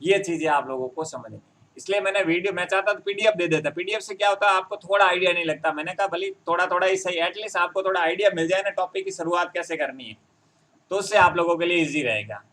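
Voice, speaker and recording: A man's voice: sits high, fairly bright tone. A man teaching a Hindi grammar lesson, explaining step by step and often checking that his students follow.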